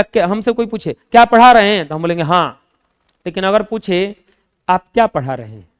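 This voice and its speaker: A male coaching teacher giving a classroom grammar lesson, asking the class questions, answering them himself and drawing example words out slowly. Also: very high-pitched, clear, resonant tone.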